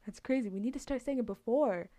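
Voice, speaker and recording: Here the podcast host's mellow voice rides on the high side at a quick pace, with no echo around it. She talks about religion casually but earnestly, restating her points as she chats.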